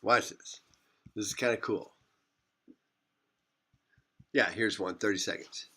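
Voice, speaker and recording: In this classroom lecture, a man teaching physics takes it slowly, wandering off track, repeating phrases and fixing his own wording. His lowish voice is husky and bright with a forceful tone.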